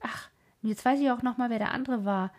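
A woman's voice: on the high side, fast talker, lightly acted. A woman reading aloud, voicing a grown man eagerly recalling childhood stories in an old storybook. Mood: reminiscing. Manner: excited, reminiscing.

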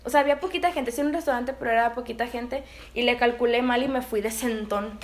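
A woman's voice: a little high, fast, echoey room. A young woman with a Mexican Spanish accent, rambling in casual chat with many fillers.

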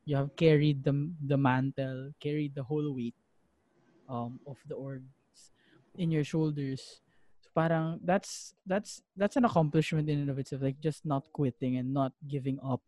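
A young Filipino-accented man hosting a casual podcast, asking gentle, halting questions with many fillers. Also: fairly high pitch, steady tone, dry recording. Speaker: podcast host. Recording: dry close audio.

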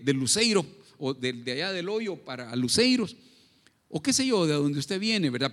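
A man preaching a sermon in a conversational way, often asking for agreement and restarting his phrases. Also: a little high. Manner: conversational, frequent tag questions and restarts. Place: church. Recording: long reverb of a church hall.

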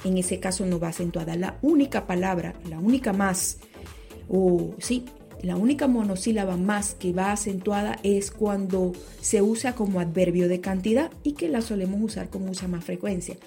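A woman explaining grammar rules in a spoken lesson, slowing down on key points and correcting herself as she goes. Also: medium pitch, vocal fry, warm tone, soft background music. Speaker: teacher.

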